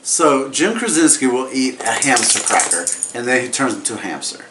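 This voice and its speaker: A man's voice: medium pitch, very animated, normal speed. A man giving a casual, comedic movie recap in a tipsy, rambling, stumbling way, profane and mock-exasperated. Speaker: host of a comedic drunk movie review show. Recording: echoey room with faint background noise.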